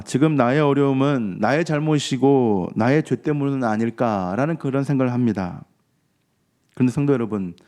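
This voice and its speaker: Korean pastor guy in his 30s preaching, warm mellow voice, pitch swings up and down a lot. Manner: earnest, rising and falling preaching cadence. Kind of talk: sermon.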